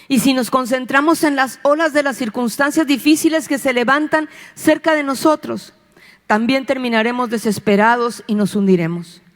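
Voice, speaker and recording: High-voiced woman pastor preaching. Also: normal speed. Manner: impassioned, repetitive, rhetorical questions. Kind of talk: preaching a sermon. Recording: long reverb of a church hall.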